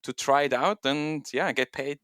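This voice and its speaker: A man's voice: on the high side, normal speed, fairly bright tone, no room sound, clean studio sound. A middle-aged man from Switzerland, talking casually as an interview guest, thoughtful and loose with many fillers. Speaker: guest, software engineer and home miner.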